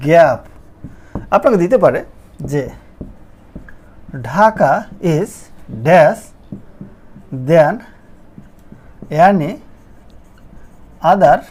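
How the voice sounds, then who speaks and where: A woman gives a grammar lesson at the board, her pitch rising and falling in a lively way. She explains patiently, step by step, and draws example words out slowly, syllable by syllable. She often stops to ask the listener whether they follow. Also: slightly rough. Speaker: English grammar teacher. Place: classroom-style video with a board.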